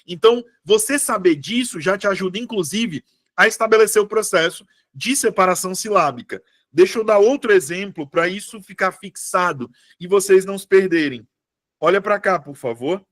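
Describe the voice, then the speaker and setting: A young Brazilian man with a high, light voice teaches Portuguese in a live online prep class. He talks in a lively, chatty way and keeps checking in with his students by name. The sound is dry and close, with no room around it. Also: moderate pace, no room sound. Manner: lively, addresses students by name and as "meus amores".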